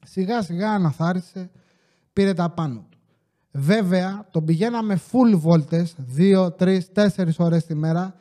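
A man with a fairly high voice and a soft, mellow tone tells casual comic stories as a podcast host. He rambles freely, swears often and breaks into joking rants.

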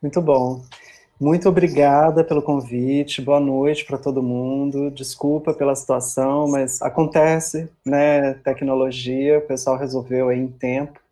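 Mellow São woman, low-voiced, reflective. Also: fairly even intonation, a little slow. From São Paulo, Brazil. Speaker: guest, university performing arts teacher. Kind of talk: reflective interview talk.

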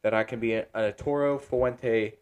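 A man hosting a casual podcast from his cigar lounge, talking in a relaxed, rambling way with plenty of fillers. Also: medium pitch, moderate pace.

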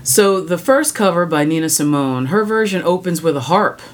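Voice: mid-range voice, lively intonation, moderate pace. A music podcast host with a mid-range voice delivers prepared commentary. The manner is opinionated and wry, breaking into blunt, casual asides.

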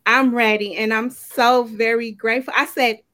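A woman poet who thanks the host warmly and then recites her own poem in a slow, rhythmic way. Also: a little high, fairly even intonation. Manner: emotional, grateful, rhythmic recitation. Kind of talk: casual chat and poetry reading.

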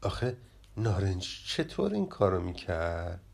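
A man's voice: mid-range voice, big pitch swings, creaky. A man voicing a young animal friend who builds dams, in a children's storybook reading. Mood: earnest.

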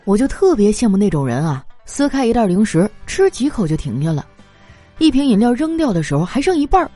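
A woman telling comic stories in a lively, animated way, laughing through her punchlines. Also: mid-range voice, fairly quick, soft background music. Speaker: comedy monologue performer. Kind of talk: stand-up style comic storytelling.

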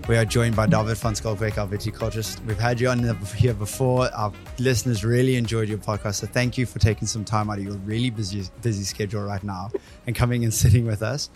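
A man's voice: lowish voice, fairly even intonation, quick pace, a little mellow, faint music behind. A man hosting a podcast in a casual, informal interview style. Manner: chuckles often, informal. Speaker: podcast host.

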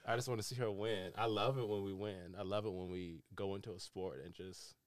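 A man co-hosting a casual podcast, telling stories in an animated way. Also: fairly low pitch, fairly quick, a little hiss or hum. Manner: animated storyteller. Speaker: podcast co-host. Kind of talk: casual chat.

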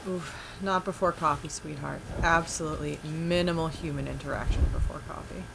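A woman's voice: deep voice, brisk, vocal fry, background noise. An actress playing a dry-humored wife who is groggy before her coffee, in an audio drama. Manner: dry, deadpan.

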